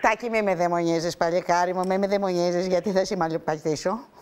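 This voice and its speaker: A woman's voice: fairly low pitch, fairly even intonation, darkish tone, clear, resonant tone, pitched below the performer's own voice, lightly acted. A woman putting on the voice of an angry elderly aunt from a Greek island, about eighty, scolding in a dramatic, old-fashioned way over the phone. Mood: menacing. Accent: Greek island village.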